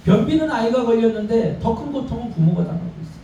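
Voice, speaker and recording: A man's voice: very high-pitched, expressive, fast, mellow. Male pastor in his thirties, emphatic repetitive sermon delivery, recorded far away in a very echoey hall. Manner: emphatic, repeats phrases, asks and answers own questions. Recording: roomy church sound from far off, faint noise.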